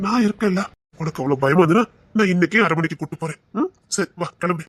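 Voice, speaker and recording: A man's voice: high-pitched, lively intonation, quick pace, a bit bright. A young man acting a devoted lover who soothes and reassures his frightened partner in a romantic drama. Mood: reassuring. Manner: tender, soothing, insistent.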